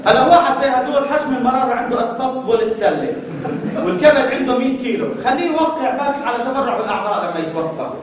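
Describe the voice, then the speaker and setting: A Jordanian man with a Jordanian Arabic accent doing stand-up as an escalating, exasperated comedy rant, animated and acting out little exchanges. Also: very high-pitched, fast. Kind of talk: stand-up comedy routine to a live audience. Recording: echoey, noisy live recording from a distance.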